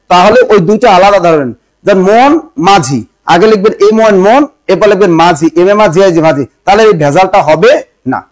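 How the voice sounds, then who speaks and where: A man's voice: high voice, no room sound, low-quality recording. A man teaching an exam-prep class, quizzing students with repeated questions and spelling words out syllable by syllable. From Bangladesh.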